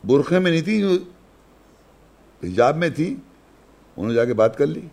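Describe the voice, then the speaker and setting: A religious teacher with a fairly high, creaky voice and a darkish tone takes listeners through a scripture lesson verse by verse. He is animated and chatty, often asking questions and answering them himself. Now and then he slows down to chant a verse.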